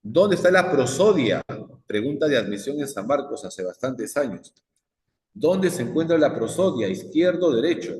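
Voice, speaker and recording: A man gives a psychology lecture, firing repeated questions at the class. His mid-pitched voice rings through a large room, and a long reverb trails each phrase. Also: sing-song, moderate pace, a little mellow. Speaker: psychology teacher.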